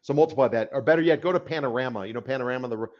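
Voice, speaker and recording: A man's voice: medium pitch, rapid-fire. Male co-host, real estate chat, explanatory and wry, dull lo-fi audio. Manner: explanatory, sarcastic, repeats phrases. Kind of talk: casual talk show chat.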